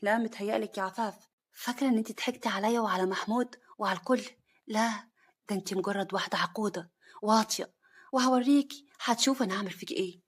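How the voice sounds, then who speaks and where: A woman voicing a scheming, spiteful young wife who sneers and shouts, in a husky, breathy voice. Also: mid-range voice, steady tone, rapid-fire, natural voice. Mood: sneering.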